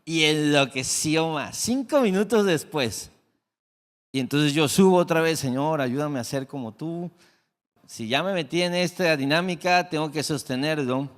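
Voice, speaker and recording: A middle-aged man preaching a sermon as pastor, telling a family story, acting out the dialogue and dropping into soft, reflective tones. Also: fairly high pitch, moderate pace. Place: church sanctuary. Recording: long hall reverb.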